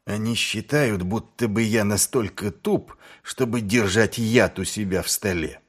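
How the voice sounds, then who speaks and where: A man voicing a weary, sardonic middle-aged male watch commander in an audiobook, speaking low and dry. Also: a little slow, breathy edge. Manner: dry, mocking, low and subdued.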